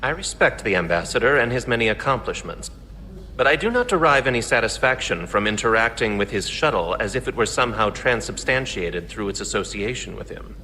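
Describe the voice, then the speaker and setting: An actor playing a stern, humorless Vulcan engineer in a game, speaking in stiff, precise, deadpan formal sentences. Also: male voice, on the low side, fairly quick. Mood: stern, dry. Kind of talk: scripted game dialogue. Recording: long hall reverb, faint noise.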